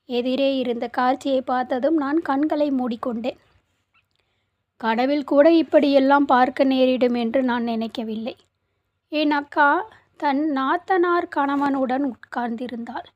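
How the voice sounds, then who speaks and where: A woman narrating a first-person story in an even, formal, measured way. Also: high-pitched. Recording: muffled, slightly lo-fi recording.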